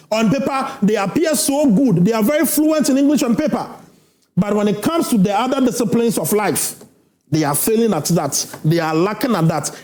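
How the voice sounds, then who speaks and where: Ghanaian man, very high voice, emphatic rhetorical questions, heated panel debate, echoey studio. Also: darkish tone. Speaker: political panelist.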